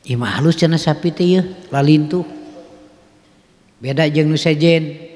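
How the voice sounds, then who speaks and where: A male preacher with a Sundanese accent gives a homely sermon in a mosque hall, where the reverb trails on long. His somewhat high, slightly mellow voice keeps a measured pace as he drops in regional expressions, laughs softly, and poses questions to the crowd.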